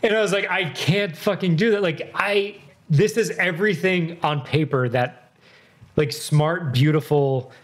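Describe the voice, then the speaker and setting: A man's voice: a little high, unhurried. A man in his thirties chatting casually, rambling and correcting himself mid-sentence, with frequent swearing. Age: 30s. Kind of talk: casual chat.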